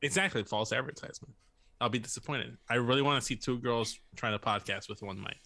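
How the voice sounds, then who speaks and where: A man's voice: mid-range voice, quick pace, creaky, sharp tone, no room sound. A man chatting casually as a podcast co-host. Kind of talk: casual banter.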